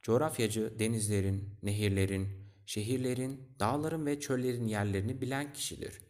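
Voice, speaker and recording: A man's voice: on the low side, a little fast, a little mellow, natural voice. A man reading aloud, voicing a bookish, self-important old male geographer from a storybook who lectures. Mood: lecturing.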